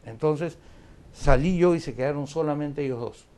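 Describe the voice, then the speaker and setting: A man with a slightly raised pitch recounts old events in an animated way. He often breaks off and restarts his sentences as a talk-show guest. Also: moderate pace. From Peru. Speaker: lawyer guest. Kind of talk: conversational storytelling interview. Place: studio of a live-streamed talk show.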